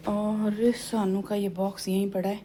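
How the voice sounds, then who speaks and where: A woman in her thirties with a Rajasthani Hindi accent chats her way through housework in a casual home vlog. Her voice is mellow and dark, at an ordinary middle pitch, and she speaks straight to her viewers as she moves around the rooms. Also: level tone, measured pace, slight background noise. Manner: chatty, talks to viewers while doing chores; whispering so her sleeping husband is not woken. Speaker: vlogger.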